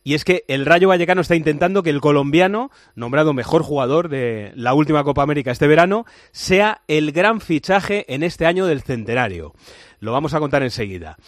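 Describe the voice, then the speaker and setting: A man with a Spanish accent hosting a night sports radio show, reading the day's football news with brisk, wry delivery into a studio microphone. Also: fairly high pitch, animated, dry recording. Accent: Spanish (Spain). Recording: dry studio sound.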